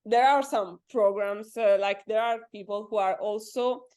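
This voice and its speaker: A young woman in her 20s, an astrophysics PhD student guesting on a science interview, chats casually in a medium-pitched, smooth, slightly mellow voice. Her tone is steady and her pace measured, but she's thoughtful and hesitant, with lots of fillers.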